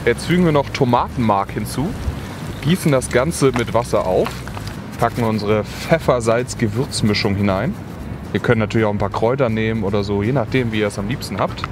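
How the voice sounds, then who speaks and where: A young adult outdoor vlogger casually narrates cooking at his camp in a rainy, windy wood, relaxed and chatty with many filler words. His voice is fairly low and a little fast, heard over music. A camera mic at arm's length picks up wind and rain noise.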